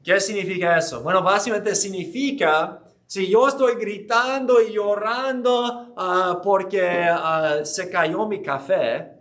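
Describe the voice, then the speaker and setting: A man's voice: high voice, slow, few pauses, fairly bright tone. A man giving an earnest church history lecture, explaining with frequent restarts and hesitations.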